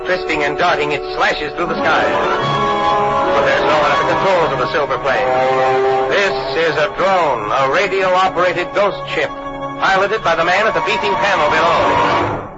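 A man's voice: on the high side, normal speed. A man narrating a 1940s radio drama in a dramatic announcer manner, heard as an old radio broadcast. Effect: old radio broadcast sound. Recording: dull lo-fi vintage radio recording with loud music.

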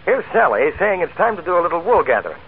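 A man's voice: sits high, big pitch swings, breathy edge. Man announcing on an old radio show. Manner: brisk, upbeat promotional delivery. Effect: old radio show broadcast sound. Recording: tinny 1940s radio broadcast with music.

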